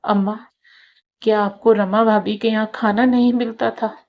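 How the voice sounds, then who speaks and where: A kind young daughter-in-law comforts with gentle, reassuring words, as a woman narrator puts her on. Her voice is gravelly and unhurried. The sound is dull and lo-fi. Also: mid-range voice, little pitch movement. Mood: caring.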